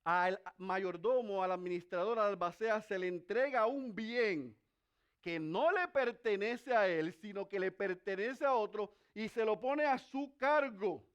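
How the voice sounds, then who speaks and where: A man preaching an expository sermon, putting rhetorical questions to the congregation and swinging between raised, emphatic passages and very quiet, low ones. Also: a little slow, smooth.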